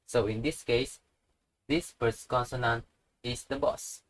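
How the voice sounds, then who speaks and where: A man's voice: medium pitch, steady tone, unhurried, low-quality recording. A man teaching a language lesson, patiently repeating each example word. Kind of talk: slow instructional tutorial.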